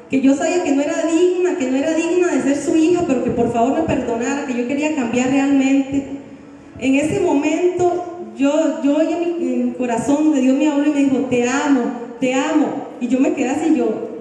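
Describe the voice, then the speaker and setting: A woman evangelist giving an earnest, heartfelt personal testimony, with halting restarts. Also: high voice, warm tone, very echoey, big-room sound, recorded from a distance, slight background noise.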